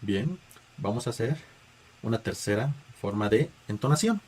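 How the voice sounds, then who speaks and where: A man's voice: fairly low pitch, lively intonation, moderate pace, darkish tone, slight background noise. A man gives a patient spoken music lesson, guiding students through chant tones with filler words and restarts. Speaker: music teacher.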